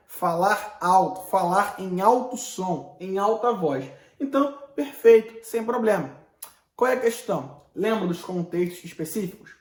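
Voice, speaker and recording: A Brazilian man with a high voice gives a relaxed, chatty Portuguese lesson. He explains with rhetorical questions and casual slang. The room echoes around him. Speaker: Portuguese teacher. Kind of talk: online lesson lecture.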